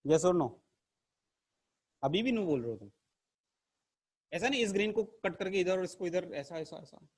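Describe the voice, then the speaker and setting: A man's voice: sits high, animated, measured pace, pauses often. A man teaching an online chemistry lesson to camera in a playful, theatrical way, teasing his class. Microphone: camera mic.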